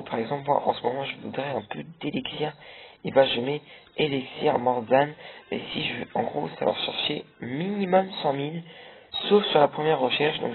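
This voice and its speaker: A man's voice: mid-range voice, gravelly, a little hiss or hum. A young man giving casual, rambling commentary over his own gameplay, with many fillers and restarts. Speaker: gameplay video creator. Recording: tinny lo-fi capture with loud game music. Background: game music.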